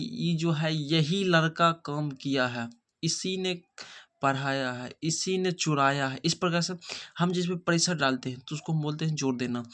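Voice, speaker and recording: Man teaching grammar. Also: on the high side. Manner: repeats rhetorical questions, checks understanding often. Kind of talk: explaining a grammar lesson.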